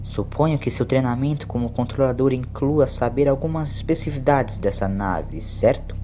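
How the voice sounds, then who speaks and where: A man voicing a calm, grave, commanding doctor adventurer in an audio story. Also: mid-range voice, normal speed, natural voice. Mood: hushed. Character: calm, commanding male time-travelling doctor, quietly grave. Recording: clear background noise.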